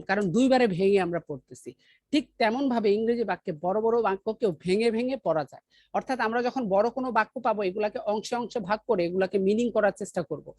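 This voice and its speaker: Brief: a woman teacher, mid-pitched, dry close sound, walks the class through each rule and quizzes them. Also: no room sound. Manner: explains step by step, asks the class questions; reads example sentences very slowly. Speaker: English teacher. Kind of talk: online grammar lesson.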